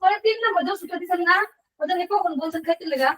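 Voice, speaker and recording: High-voiced woman asking about medicine. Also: fairly bright tone, low-quality recording. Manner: colloquial regional Bengali, hurried questions. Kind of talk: casual question.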